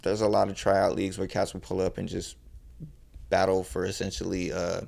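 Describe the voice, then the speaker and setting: Low, flat, gravelly young man. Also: brisk. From California. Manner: laid-back, rambling, heavy swearing and fillers. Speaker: podcast guest, battle rapper. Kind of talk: casual podcast chat.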